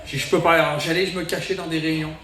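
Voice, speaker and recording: A man's voice: a little high, little pitch movement, racing, sharp tone, slight background noise. A man giving his testimony in church, telling his story and quoting himself and others as he goes. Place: large tent meeting. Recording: echoey tent, mic from a distance.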